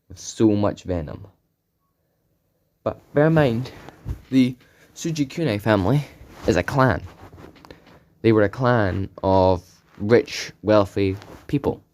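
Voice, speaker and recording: A man's voice: on the low side, darkish tone. A man casually telling an unscripted fan story, rambling and correcting himself as he goes.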